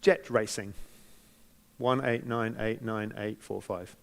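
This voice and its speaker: A man with a New Zealand accent giving unscripted feedback as a competition judge, speaking in a hesitant, measured way and softening his criticism. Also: lowish voice, steady tone, vocal fry.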